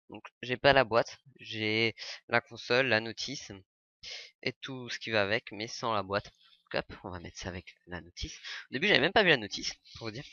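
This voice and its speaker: A man talks casually into a webcam in a small room, rambling and filling pauses as he goes. His voice is bright and close, with a dry sound. The webcam mic gives it a dull, lo-fi quality. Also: medium pitch, no room sound. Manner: chatty, rambling, lots of fillers like "hop" and "donc". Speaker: vlogger showing yard-sale finds. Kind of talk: casual webcam unboxing chat.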